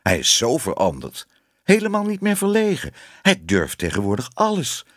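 A man's voice: medium pitch, huge pitch swings, a bit bright, no echo, clean studio sound, pitched above the performer's own voice. A man reading a storybook, voicing a chatty newsroom cat who eagerly passes on gossip. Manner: eager, insistent, quick.

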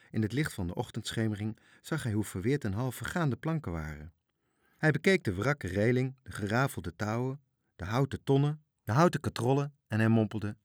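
A man narrating a children's storybook, reading in a measured, expressive way. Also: fairly low pitch, no room sound, clean studio sound.

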